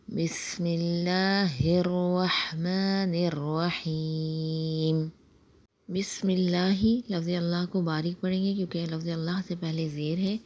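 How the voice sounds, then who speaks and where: Woman teaching slow Quran recitation. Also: lowish voice, darkish tone. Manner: alternates slow drawn-out Arabic recitation with quick explanations; repeats syllables for students to copy. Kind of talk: tajweed lesson with slow recitation.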